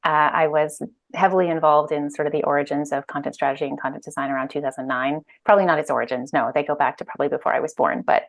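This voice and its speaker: This guest's voice is low-pitched and level, quick, with vocal fry. She's a UX director and author in her thirties, from Ireland and Canada, chatting casually on a video call from a bright home room through an earphone mic, with plenty of fillers and restarts.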